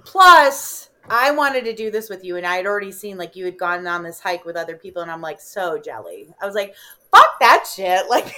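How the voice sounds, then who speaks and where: Lively storytelling woman with a Chicago accent. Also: medium pitch. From Illinois. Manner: animated, swears freely, laughs often. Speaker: podcast guest. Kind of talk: casual storytelling chat.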